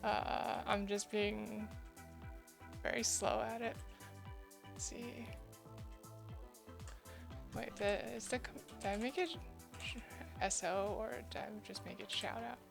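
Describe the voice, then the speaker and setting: A woman's voice: mid-range voice, fairly even intonation, slow, creaky, long pauses, music in the background. A woman chatting casually on a livestream in a cute, flustered anime-streamer manner, thinking aloud and muttering to herself as she goes. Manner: scattered, self-interrupting, mutters to herself. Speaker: livestreamer drawing fan art. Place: indoor streaming setup.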